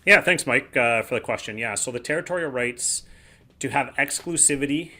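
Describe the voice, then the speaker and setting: A man co-hosting a sports podcast, explaining hockey matters in a relaxed, plain-spoken way. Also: medium pitch, normal speed. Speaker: podcast co-host, hockey analyst. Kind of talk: casual sports analysis.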